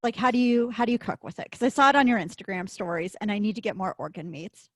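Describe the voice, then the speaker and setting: A woman's voice: medium pitch, fast, no room sound. A woman co-hosting a podcast, talking in an informal, chatty way. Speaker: podcast co-host. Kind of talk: casual podcast chat.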